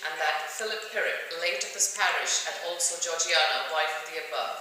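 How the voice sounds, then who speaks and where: A woman with a bright, somewhat low voice reads a classic novel aloud in measured phrases. The hall around her rings with long echo over faint noise. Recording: echoey hall.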